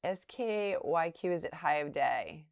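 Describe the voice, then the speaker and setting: Here a day-trading livestream host, a middle-aged woman from around Boston with a faint local accent, talks through her trades live. Her low voice is expressive and unhurried, with vocal fry, captured cleanly in a studio with no room sound. Her musing is full of false starts and little laughs.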